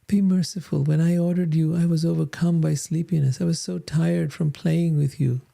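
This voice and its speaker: A reader lending a plain voice to a lovesick young goddess, imploring and devoted, begging her beloved to return. The tone sits low and dark, with a gravelly fry at the phrase ends. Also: steady tone, moderate pace. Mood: pleading.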